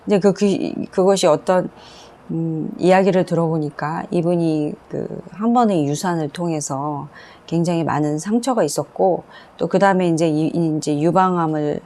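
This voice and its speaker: Woman preacher, low-ish voice, chatty sermon testimony, repeats herself. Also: normal speed, dark tone. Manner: conversational storytelling with frequent fillers and repetition.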